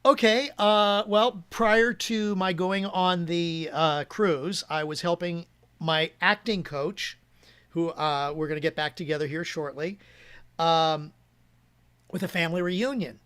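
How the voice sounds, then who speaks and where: A man's voice: a little high, measured pace, fairly bright tone, smooth. A man speaking as an interview guest in casual chat, earnest and rambling with frequent restarts. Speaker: podcast guest.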